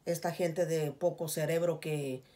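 A middle-aged Guatemalan woman with a Guatemalan Spanish accent vlogs casually from a small curtained room, camera in front of her, making a heartfelt appeal to her viewers. Her voice sits low and dark, with fairly even intonation and a slightly slow delivery. She pleads earnestly, repeating "please, guys."

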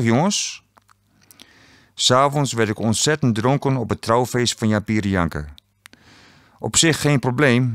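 A man's voice: lowish voice, dry recording. Man reading his own audiobook, very dry. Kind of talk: audiobook narration. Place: recording studio.

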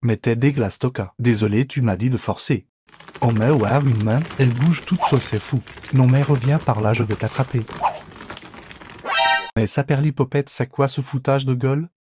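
A man's voice: medium pitch, moderate pace, music in the background, close to an everyday voice. A man voicing a cheeky, boastful pet ferret in a playful, mock-dramatic comic voice-over.

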